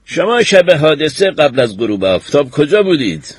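A husky courtroom lawyer or judge in a radio drama, questioning formally and with measure. His pitch swings widely, and the recording is dry and close. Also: big pitch swings, no echo. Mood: probing.

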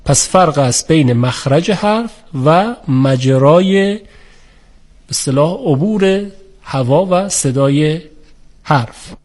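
A man teaching a formal, measured lecture on the articulation of letters for Quran recitation. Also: fairly high pitch, animated, a little mellow. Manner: measured, formal, with polite set phrases. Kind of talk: explanatory lecture on pronunciation.

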